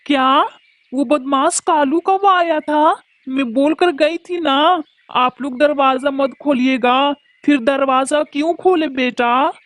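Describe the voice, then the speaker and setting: Lady doing a worried mama bird in a cartoon, slow and motherly, dry close mic. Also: high voice, no echo. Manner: anxious, motherly. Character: caring protective mother bird.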